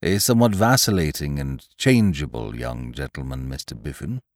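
Deferential valet, played by a man, very deep and hushed, formal to a fault, storybook reading. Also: moderate pace, no echo, clean studio sound. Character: quiet, deferential male valet.

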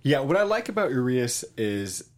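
A man's voice: medium pitch, very animated, normal speed. A man with an American accent chatting casually about sports as a podcast co-host.

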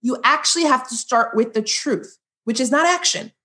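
A woman's voice: high-pitched, normal speed. A middle-aged woman, a divorce lawyer and life coach, telling personal stories as a guest in a candid chat and acting out the dialogue. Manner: animated, acts out quoted dialogue. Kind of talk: candid conversational storytelling.

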